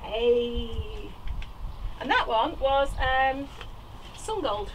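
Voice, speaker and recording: A woman's voice: on the high side, lively intonation, very slow, noisy background. A woman, chatting casually as she pots plants in a small greenhouse, recorded by a camera on a tripod. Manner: chatty, thinks aloud while working. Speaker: allotment vlogger. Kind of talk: casual gardening vlog. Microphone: camera on a tripod nearby.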